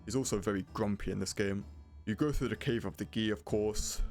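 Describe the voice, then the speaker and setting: Music plays behind a man with a fairly low voice. He narrates a scripted game review, speaking bluntly and casually like an opinionated reviewer. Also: a little fast, a little mellow. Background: prominent music.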